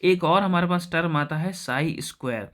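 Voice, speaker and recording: A man with an Indian accent teaching a chemistry class. He explains step by step, keeps checking in with his students, and slows down to dictate equations. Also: a little high, a bit bright. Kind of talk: classroom lecture.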